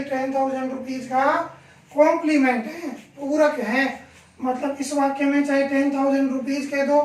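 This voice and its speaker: A man teaching a grammar lesson in a classroom, his voice pitched high. He keeps asking the class questions and slowly repeats each example. The sound is roomy and echoing, picked up from across the room. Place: classroom with a board. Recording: echoey room, voice from far off.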